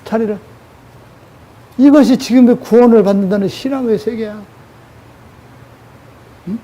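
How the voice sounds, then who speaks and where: A man's voice: very high voice, unhurried, mellow, slight background noise. Scolding older man preaching. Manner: scolding, asks the audience rhetorical questions. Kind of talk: sermon.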